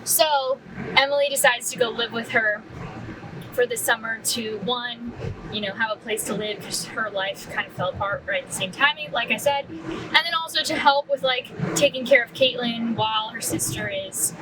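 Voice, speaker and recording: A woman's voice: on the high side, normal speed. Chatty woman vlogging from her car. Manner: chatty, rambling, many fillers. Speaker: book vlogger. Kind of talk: casual chat while driving. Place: inside a moving car. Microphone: camera mounted in the car. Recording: distant camera mic, road noise.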